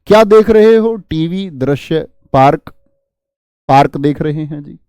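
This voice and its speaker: A man's voice: fairly high pitch, expressive, a little slow, mellow, clear, resonant tone, no room sound. A man teaching a Hindi grammar class, drilling students with rhetorical questions and calling them friends.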